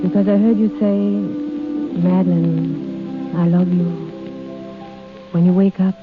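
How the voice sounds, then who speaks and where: Casting: alluring countess swindler in love, playful; 1930s radio romance, very tinny sound over music. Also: female voice, on the low side, fairly even intonation, slow pace. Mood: teasing, tender.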